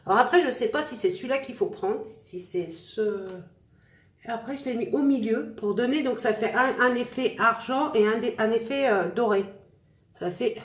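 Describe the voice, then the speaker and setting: A woman's voice: fairly high pitch, moderate pace, echoey room. Chatty, self-mocking woman doing makeup. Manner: chatty, self-mocking, talks to viewers while applying makeup. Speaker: makeup vlogger. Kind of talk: casual makeup tutorial livestream.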